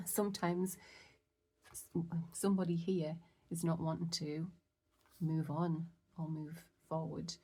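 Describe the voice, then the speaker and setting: A woman giving a casual tarot reading, chatty and excitable, often dropping into soft whispers. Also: on the low side, slightly rough. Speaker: tarot reader.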